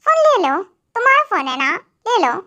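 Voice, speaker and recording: A woman's voice: extremely high pitch, sing-song, brisk, sharp tone, muffled recording, heavily acted. A woman doing a teasing possessive young man. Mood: taunting. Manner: teasing, taunting. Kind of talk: fan audio drama acting.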